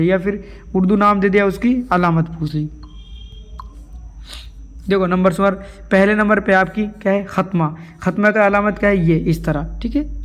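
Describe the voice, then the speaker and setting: A man teaches grammar for an exam. He explains while writing on a board, and keeps asking his students questions that he answers himself. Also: high voice. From India. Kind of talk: exam-prep grammar lesson.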